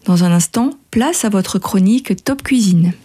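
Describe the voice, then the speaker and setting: Woman station announcer, scripted ident, mellow tone. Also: medium pitch, a little slow, husky.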